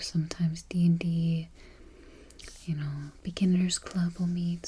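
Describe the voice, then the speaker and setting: In a soft role-play, a woman whispers with a fairly low, breathy pitch as a patient, friendly librarian from a small town signing up a patron. She stays gentle and unhurried, reassuring with quiet mm-hmms. Keyboard clicks sit in a noisy, close-miked ASMR recording.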